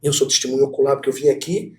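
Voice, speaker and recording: A middle-aged guest professor with a Brazilian Portuguese accent tells stories in a lively, conversational interview. His voice is medium-pitched and rapid-fire, and he animatedly addresses the students directly.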